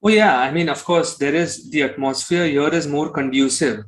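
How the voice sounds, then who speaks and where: Speaking with a fairly high pitch and steady tone at a moderate pace, an Indian-accented man from Kolkata answers interview questions casually. He is a musician guest who keeps revisiting his phrasing with "you know."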